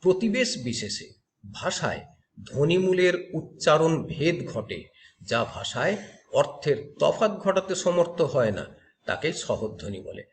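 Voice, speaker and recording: A man's voice: on the high side, very animated, unhurried. A male teacher giving a grammar lecture, explaining step by step and asking and answering his own questions. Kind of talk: classroom lecture.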